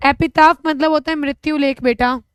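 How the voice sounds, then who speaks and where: A young woman with an Indian accent runs a live online lesson. She talks in a chatty, joking way, flipping between two languages. Her voice sits high, and the sound is close and dry with no room. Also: fairly even intonation, moderate pace, no echo. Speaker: teacher.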